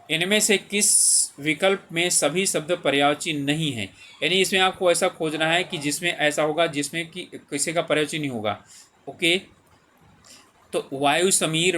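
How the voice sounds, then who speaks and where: A man's voice: on the high side, pushed and bright, slight background noise. A man explaining exam answers as a teacher, reading out the questions and options with frequent fillers. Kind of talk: exam paper solution lesson.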